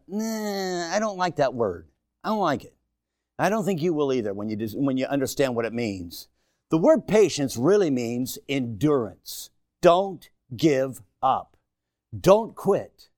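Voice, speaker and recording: A man's voice: on the high side, a little mellow, dry recording, clean studio sound. A man in his sixties preaching a sermon to a congregation, emphatic and exhorting, repeating phrases for effect. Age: 60s. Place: church before a congregation.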